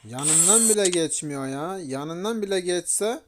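A man's voice: sits high, expressive, a little slow. A man hosting a gaming channel, giving casual commentary, grumbling and pleading with the game in exasperation. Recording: loud background noise.

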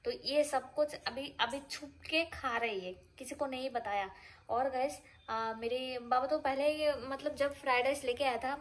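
A woman's voice: high-pitched, moderate pace. A woman vlogging at home in a casual, rambling way, chatting straight to her viewers. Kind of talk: casual vlog chat. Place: home, indoors.

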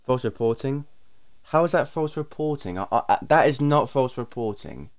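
A man's voice: mid-range voice, animated, moderate pace. A young British man, an irritable raging gamer who swears as he rants on a livestream while gaming. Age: young adult. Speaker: video game streamer. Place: small bedroom, indoors. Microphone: gaming headset.

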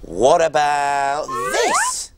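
A man's voice: a little high, huge pitch swings, extremely slow, full character voice. A man playing a big, friendly male cook on a children's TV show, jolly and teasing, full of exclamations. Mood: cheery. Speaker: children's TV presenter. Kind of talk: children's TV acting.

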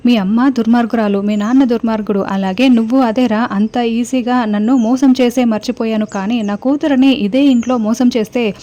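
A woman's voice: on the high side, fairly even intonation, normal speed, lightly acted. A woman voicing a furious middle-aged mother who hurls accusations and threats, in a retold TV serial. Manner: shouting accusations.

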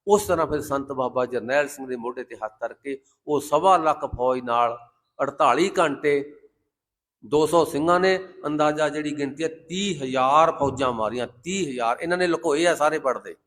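A man preaching a Sikh sermon with passion, slowing down to intone lines of scripture. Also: fairly high pitch, fairly bright tone. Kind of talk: Gurbani sermon with sung scripture quotes.

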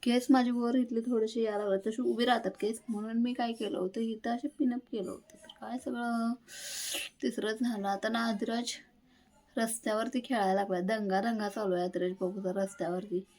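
Young mum vlogger, slightly high voice, chatty home talk straight to camera on a phone. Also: female voice, steady tone, brisk, darkish tone, low-quality recording. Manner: chatty, homely, talks straight to viewers. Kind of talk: casual home vlog chat. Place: home, indoors. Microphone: phone held at hand.

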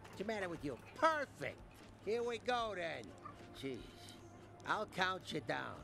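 A crude, foul-mouthed alien father in a game, with a high voice that jumps all over. He snarls insults and curses nonstop. Game music plays under him. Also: big pitch swings, a little slow, gravelly, sharp tone, heavily acted. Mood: gruff scornful. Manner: crude, swearing, hostile.

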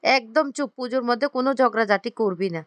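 A woman's voice: on the high side, fast, no room sound, natural voice. A woman voicing a commanding middle-aged mother-in-law who scolds the household. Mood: scolding. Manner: sharp, commanding, reproachful.

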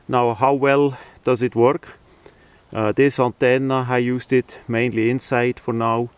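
A hobbyist video maker, a man who isn't a native English speaker, gives a casual hands-on demo outdoors next to a tarp on the ground, his phrasing hesitant. His mid-range voice is smooth and level, unhurried, with no room sound.

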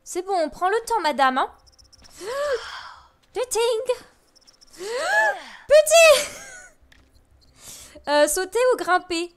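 A woman streaming horror games live, excitable and swearing, often breaking into screams. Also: very high voice, very slow, pauses often. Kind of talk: live gaming stream commentary.

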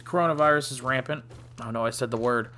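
A man's voice: mid-range voice, quick pace, sharp tone. A man giving casual let's play commentary, joking and self-deprecating, often sighing. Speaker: gaming channel host.

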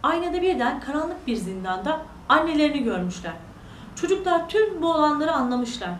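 A woman tells a bedtime fairy tale in a lively, sing-song way, her voice high and swinging widely in pitch. The recording sounds echoey and set a little far from the mic. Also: brisk, a little hiss or hum. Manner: animated, sing-song storytelling. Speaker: storyteller. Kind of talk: children's fairy tale narration.

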